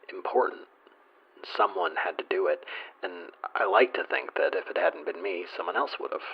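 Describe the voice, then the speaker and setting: A man playing a deep, gravelly, stammering awkward caller. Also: exaggerated voice. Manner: stammering, hesitant, awkward, self-deprecating. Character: nervous lonely fire watcher calling a radio station. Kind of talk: audio drama radio call-in monologue. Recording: dull lo-fi radio call.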